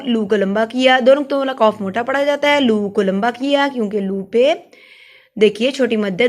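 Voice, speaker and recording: A woman with a bright, high voice guides learners through recitation. She speaks patiently and step by step, sounding out each letter before she explains the rule behind it. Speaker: Quran recitation teacher. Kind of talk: tajweed lesson, slow recitation then explanation.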